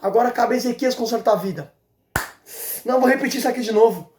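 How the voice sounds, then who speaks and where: A man preaching a fervent sermon as an evangelist, exhorting and repeating his points with shouts of praise. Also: extremely high pitch, quick pace. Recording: roomy echo.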